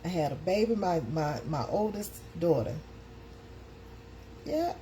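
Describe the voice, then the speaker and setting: A woman's voice: on the low side, sing-song, unhurried, dark tone, slight background noise. A woman, hosting a casual live chat and calling out to her viewers. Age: 50s. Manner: chatty, calls out to viewers. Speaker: live stream host.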